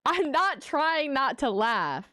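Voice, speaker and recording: A woman's voice: sits high, very animated, slow, crowd noise. A woman streaming live, reacting to a clip with incredulous, laughing asides.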